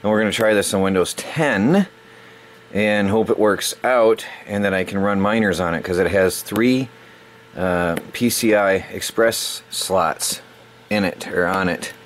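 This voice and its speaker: A man's voice: on the low side, unhurried, a little hiss or hum. Rambling middle-aged man unboxing tech. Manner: rambling, stumbles over words and corrects himself. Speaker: tech channel host. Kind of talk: casual unboxing talk.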